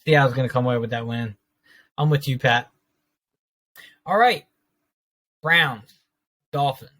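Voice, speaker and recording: A man's voice: medium pitch, unhurried, sharp tone, no room sound. A man co-hosting a casual football podcast, laid-back and slangy, laughing often. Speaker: podcast co-host. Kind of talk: casual sports chat.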